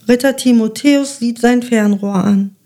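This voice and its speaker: A woman narrating a children's fairy tale in a calm, measured reading voice. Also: fairly high pitch. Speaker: storyteller.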